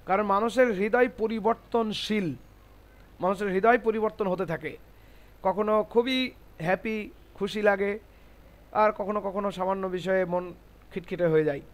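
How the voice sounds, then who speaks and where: A man teaching Quran reading in a classroom lesson, explaining slowly, repeating rules and asking his class checking questions. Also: high-pitched. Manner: spells out Arabic letters syllable by syllable.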